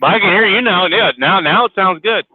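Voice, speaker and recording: A man's voice: high voice, a little fast, dry recording. A middle-aged man sounding like a CB radio through his headset, ranting sarcastically and swearing constantly in a casual podcast chat. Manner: sarcastic, swears constantly, gets loud and fired up. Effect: sounds like a tinny CB radio over his headset. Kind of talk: casual profane rant. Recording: tinny dry lo-fi headset line.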